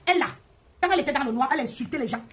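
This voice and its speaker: A woman's voice: sits high, lively intonation, very fast, a little hiss or hum. A woman hosting a live stream, ranting in a mocking, confrontational way and repeating her jabs. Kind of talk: heated live-stream rant.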